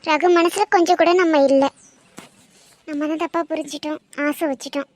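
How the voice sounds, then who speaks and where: A woman's voice: high voice, fairly even intonation, normal speed, darkish tone, slight background noise, close to an everyday voice. A woman voicing a heartbroken young college woman in a cartoon, tearful and lapsing into a sing-song lament. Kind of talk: animated cartoon voice acting.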